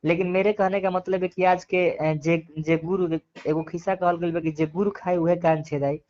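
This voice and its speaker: Heard on a dull, lo-fi phone call, a man with a Bhojpuri accent argues his opinions earnestly in a casual interview, repeating phrases for emphasis. His voice is high and darkish in tone, with flat delivery at normal speed.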